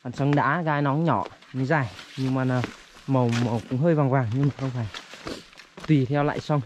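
A man's voice: mid-range voice, steady tone, a little fast. A man chatting casually as an outdoor vlogger, hesitating and repeating words as he talks to viewers. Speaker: vlogger, host. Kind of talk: casual outdoor vlog chat while walking. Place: outdoors in forest. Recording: outdoor recording with faint noise.

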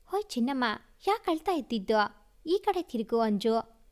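A woman doing a young husband in a read-aloud story, speaking a touch lower than her own bright voice. He sounds tender and coaxing, teasing his upset wife gently. The delivery stays close to a narrator's own high voice. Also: sing-song, moderate pace.

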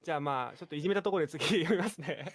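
A young man co-hosting a radio talk show, teasing his younger co-host playfully and chattering quickly. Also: fairly high pitch, no echo.

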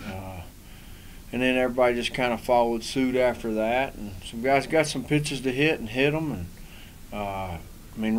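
A middle-aged man, a baseball coach, answering questions at a postgame press conference in a relaxed, rambling way with many fillers. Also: mid-range voice, slight background noise. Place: small press room in front of a sponsor backdrop.

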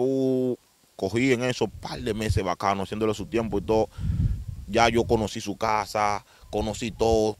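A young man telling his testimony in a rapid, streetwise way, often asking if he's understood. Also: on the low side, no echo. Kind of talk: casual storytelling testimony.

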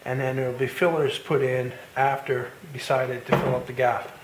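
A man's voice: medium pitch, normal speed. A man hosting a woodworking video, casually walking through his build with plenty of fillers and restarts. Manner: relaxed, explanatory, with many fillers and restarts. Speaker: woodworking channel host. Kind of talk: casual shop walkthrough narration. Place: home woodworking shop, indoors. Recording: roomy workshop with faint noise.

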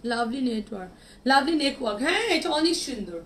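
High-voiced chatty woman selling clothes live. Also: sing-song, fast. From Bangladesh. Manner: chatty, reads out and answers viewer comments, mixes in English words. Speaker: online boutique seller hosting a live sale. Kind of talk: live-stream sales chat.

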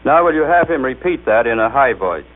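A man at a middling pitch, jovial and explanatory, leading a scripted radio demonstration. His voice is squeezed into a thin, phone-like band, as on a 1939 broadcast recording. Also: big pitch swings, a little fast. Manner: jovial, explanatory, coaxing the machine.

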